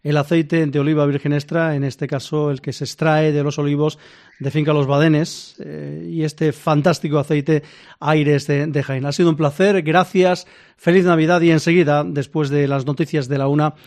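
Higher-voiced Spanish male radio host. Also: level tone, moderate pace, darkish tone. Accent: Spanish from Spain. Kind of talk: spontaneous live radio presenting.

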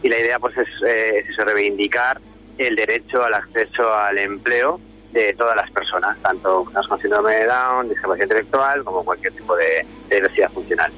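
A man's voice: fairly low pitch, brisk, pushed and bright, poor audio. A man answering spontaneously in a radio interview, hesitating and repeating words. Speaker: charity communications officer, interview guest.

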